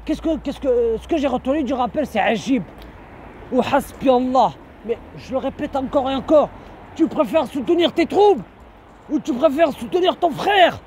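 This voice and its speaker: A man's voice: extremely high pitch, a little hiss or hum. A man, giving an indignant religious reminder outdoors and repeating his phrases again and again. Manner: insistent, repeats phrases over and over; shouting indignantly. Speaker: online preacher.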